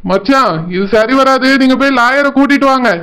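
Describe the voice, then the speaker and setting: A voice actor doing a calm cartoon husband, high and smooth. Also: brisk. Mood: reassuring. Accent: Tirunelveli Tamil. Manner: calm, reassuring. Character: gentle husband led off to jail.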